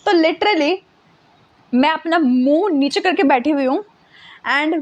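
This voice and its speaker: A woman's voice: high voice, expressive, slow, dull audio. A young woman telling a funny personal story in a casual, self-mocking way, mixing English words into her talk. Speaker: content creator.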